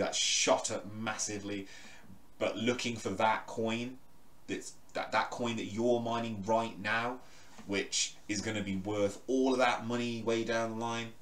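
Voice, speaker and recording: A crypto vlogger with a booming voice talks casually to camera from his bedroom, full of fillers and restarts. He stands some distance from his microphone, so the recording is distant and carries a roomy bedroom echo.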